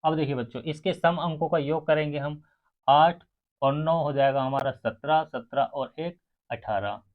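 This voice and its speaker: A man with a slightly high voice, talking at normal speed, teaches maths to exam candidates. He goes step by step, speaks right to his students, and counts sums aloud; the sound is muffled and phone-like.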